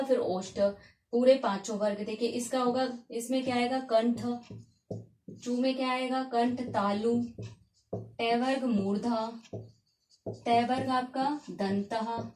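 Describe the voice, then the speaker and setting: A woman teaching a lesson in a fairly high voice. She poses questions and then answers them herself, repeating each term twice so it sticks. The room gives her voice a noticeable echo. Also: a little mellow. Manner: repeats key terms and asks herself questions. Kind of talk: classroom-style lesson. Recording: echoey room.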